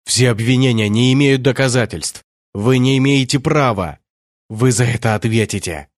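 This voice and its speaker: A man voicing an arrogant count who shouts in contempt and rage while being arrested. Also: mid-range voice, normal speed, no echo, studio quality, close to an everyday voice. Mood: indignant shouting. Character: arrogant angry male count under arrest.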